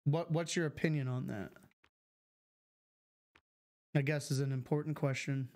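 His voice is medium-pitched, steady, unhurried and a little mellow as he streams a game live from home. He reads chat messages aloud and answers them casually, speaking into a filtered studio mic.

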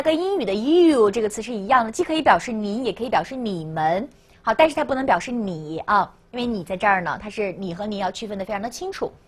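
A woman teaching a language lesson, coaxing and repeating words slowly for students to echo. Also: fairly high pitch, fairly bright tone, breathy edge. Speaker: French teacher.

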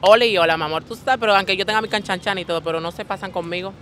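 A woman's voice: mid-range voice, racing, a bit bright, slight background noise. A woman with a Dominican accent, talking flamboyantly in a casual street interview and calling everyone "mi amor".

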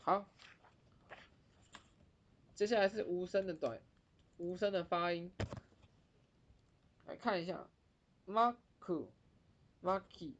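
A woman teaching a Japanese pronunciation lesson in Mandarin, repeating words slowly and drawing out their sounds. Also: lowish voice, slight background noise. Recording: dull lo-fi recording.

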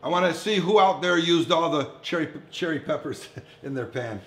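A male cooking-show host in his fifties speaks at a normal pace in a fairly high, slightly bright voice, chatting informally to home viewers as he demonstrates a dish. He's indoors in a commercial-style kitchen where the sound echoes amid clatter and some background noise.

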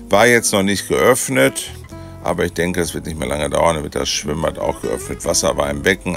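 A man giving a relaxed, chatty voice-over tour of a campsite, with many hesitation fillers. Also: low voice, creaky. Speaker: motorhome travel vlogger.

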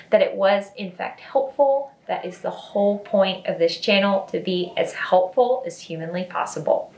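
Bubbly woman in an echoey room. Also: medium pitch. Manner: bubbly, giggly, self-deprecating. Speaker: hair care YouTuber. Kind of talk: chatty educational vlog.

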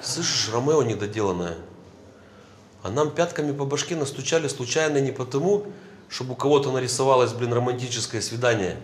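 A man's voice: mid-range voice, a little fast, close to an everyday voice. Man doing a grumpy, sarcastic cartoon guy, echoey room. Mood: exasperated, sarcastic. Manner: sarcastic, slangy, exasperated. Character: grumpy, sarcastic young street guy, long-suffering straight man. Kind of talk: animated comedy dialogue.

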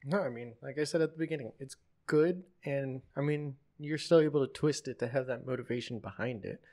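A man's voice: mid-range voice, a little fast, mellow. A man co-hosting a podcast in casual chat, telling stories loosely with lots of fillers. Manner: loose, filler-heavy storytelling. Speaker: podcast co-host.

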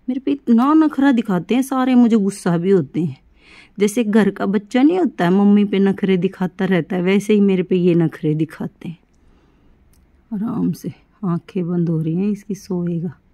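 Doting woman cooing to her pet. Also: medium pitch. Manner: coaxing, doting sing-song with frequent soft laughs. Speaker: pet vlogger caring for rescued animals. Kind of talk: baby talk to a pet rabbit.

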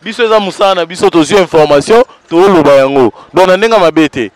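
A man, the interviewer in a casual chat. He puts quick, teasing questions to his guest. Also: high voice, no room sound.

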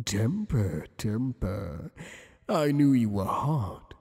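This is an exaggerated character turn: a man plays a possessive, flirtatious tentacled alien boss for ASMR roleplay. His fairly low, warm, husky voice teases with courtly deliberation, trailing long echoing reverb.

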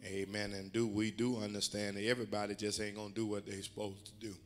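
A man's voice: lowish voice, flat delivery, fast talker, soft background music. An older man preaching a sermon as bishop in a church, folksy and full of amens, building to emphatic exhortation. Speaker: bishop and pastor. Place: church sanctuary.

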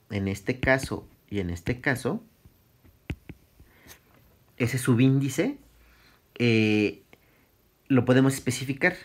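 A middle-aged man, giving a casual recorded math lesson, thinking aloud and correcting himself as he goes. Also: medium pitch. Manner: casual, self-correcting, thinks aloud, chuckles at his slips. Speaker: math teacher. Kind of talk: recorded classroom lecture.

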